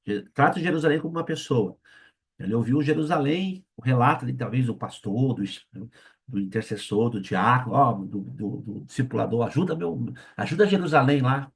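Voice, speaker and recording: A man's voice: medium pitch, animated, moderate pace, slightly rough. A man with a Brazilian Portuguese accent, a pastor preaching a sermon and acting out the people in the story he tells. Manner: acts out the voices of the people in his story.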